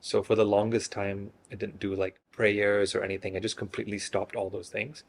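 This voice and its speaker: A man in his thirties from Singapore, chatting casually in an interview, relaxed and hesitant with frequent fillers and restarts. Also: fairly low pitch, fairly quick.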